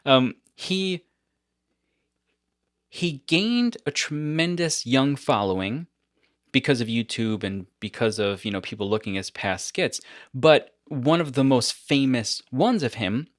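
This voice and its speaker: A man hosts a podcast in loose, casual conversation. His voice sits at an ordinary middle pitch. He tells his stories with animation, and the recording is dry, with no room sound. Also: a little slow, no room sound. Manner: animated storytelling, often breaks into laughter. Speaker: podcast host.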